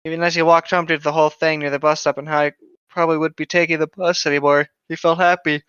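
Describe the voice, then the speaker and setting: Reading horror fiction aloud for a podcast he co-hosts, a man with a slightly high, fairly bright, smooth voice talks at a quick pace with flat delivery, adding playful, sweary asides. There's no room sound, though the microphone is slightly muffled.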